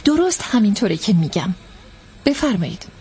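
Actress as a commanding, mocking young woman, husky voice, in a dubbed drama. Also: mid-range voice, big pitch swings, a little mellow. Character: bossy young woman, scornful and teasing. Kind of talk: classic Persian dubbing.

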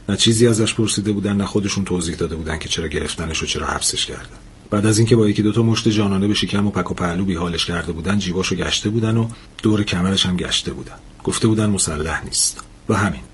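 Deep-voiced man narrating a novel. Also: slight background noise. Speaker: audiobook narrator.

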